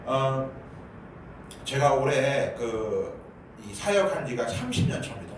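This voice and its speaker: A man's voice: medium pitch, very animated, measured pace, a little hiss or hum. A pastor in his fifties from Seoul, preaching a humorous, chatty sermon and mixing in a Gyeongsang dialect. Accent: Gyeongsang dialect mixed with Seoul speech. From Seoul, South Korea. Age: 50s. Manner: humorous, chatty, joking with the congregation. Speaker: guest pastor. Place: church sanctuary. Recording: very echoey church, from far off.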